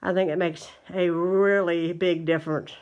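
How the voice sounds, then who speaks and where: This woman's voice is lowish and a little mellow, with a flat delivery at normal speed, and the audio sounds dull. A home vlogger from West Virginia, she chats casually indoors, slightly out of breath, showing off a wood-care job and recommending the product.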